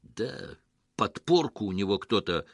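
A man doing a hoarse grumbling villager. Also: on the low side, animated, measured pace, no room sound, studio quality. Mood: grim. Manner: grumbling, stern.

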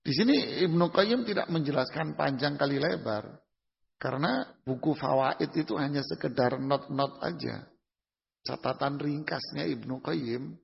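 A male preacher with a high, gravelly voice, giving a conversational religious lecture. He keeps asking the audience questions and answering them himself, leaning on homely examples. The dull, lo-fi recording carries a long hall reverb. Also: measured pace. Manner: uses everyday examples in casual speech. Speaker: Islamic preacher.

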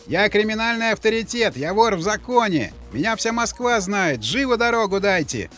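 A man voicing a panicking male crime boss who shouts and begs to be let through, offering bribes. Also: sits high, sing-song, normal speed, faint music behind, pitched above the performer's own voice. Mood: frantic pleading. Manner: shouting, pleading, bribing.

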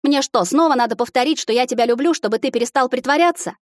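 Spirited young woman, sharp and emotional, bit higher, a lady reading her, dry close sound. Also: very animated, brisk, slightly rough, no echo. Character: spirited young woman in love, quick-tempered.

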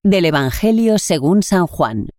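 A reader with a Spain Spanish accent, slowly and solemnly reading a Gospel passage and a reflection on it. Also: mid-range voice, expressive, warm tone, faint music behind. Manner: measured, solemn, deliberate phrasing. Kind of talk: scripted liturgical reading.

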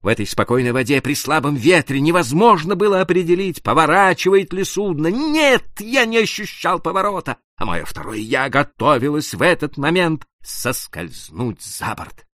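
A man reading a tense sea story aloud as narrator, measured and dropping to a hush at tense moments. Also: a little high, lively intonation, dry recording, clean studio sound. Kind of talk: dramatic audiobook narration.

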